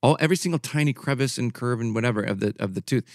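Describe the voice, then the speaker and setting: Male podcast co-host, rapid chatty delivery, self-deprecating, dry studio sound. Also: medium pitch, dry recording. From United States. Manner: chatty, rambling, self-mocking. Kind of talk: casual chat.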